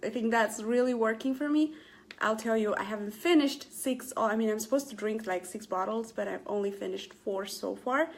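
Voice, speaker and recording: Earnest chatty woman, slightly high voice. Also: normal speed, creaky. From Ethiopia. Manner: chatty, earnest, many fillers and restarts. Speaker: Facebook Live motivational host. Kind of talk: casual live-stream talk to viewers.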